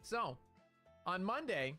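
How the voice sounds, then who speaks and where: A man's voice: sits high, sing-song, takes it slowly, music in the background. A man streaming live, chatting in a hyped, playful, rambling way about his model and schedule. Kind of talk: casual live-stream chat.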